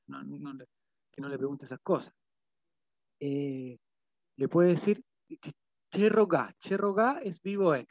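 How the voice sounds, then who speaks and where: High-voiced joking Chilean man. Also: unhurried, pauses often, darkish tone, no echo. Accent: Chilean Spanish. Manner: joking, laughing often, trying out words. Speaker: co-host. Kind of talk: casual chat.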